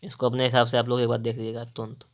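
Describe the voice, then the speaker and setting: A man's voice: mid-range voice, monotone. A man gives a spelling lesson for exam students. He says each word once, then again, and answers his own questions as he goes. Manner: repeats each word slowly, asks and answers himself. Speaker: Hindi grammar teacher.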